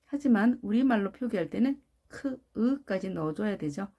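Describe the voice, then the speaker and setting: Gravelly, mellow-voiced woman teaching. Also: medium pitch, lively intonation. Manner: slow, deliberate drilling of single sounds. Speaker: English pronunciation teacher. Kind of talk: instructional explanation with spoken drills.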